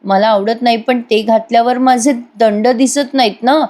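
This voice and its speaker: Lady doing a shy young wife, soft and hesitant, serial recap. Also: on the high side, steady tone, normal speed, lightly acted. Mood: shy, warm.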